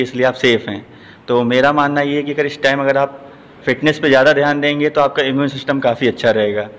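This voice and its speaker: A middle-aged man who owns a gym, answering a news reporter's questions in a plain, steady way and often saying "ji". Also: medium pitch. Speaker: gym owner and trainer. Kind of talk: news interview. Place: large indoor gym. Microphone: handheld news mic. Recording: long hall reverb, faint noise.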